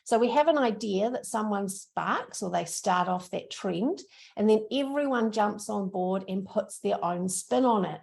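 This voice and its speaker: Very creaky broad Kiwi-accented woman. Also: mid-range voice, darkish tone. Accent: broad New Zealand (Kiwi). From New Zealand. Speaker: social media trainer. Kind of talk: informal online training presentation.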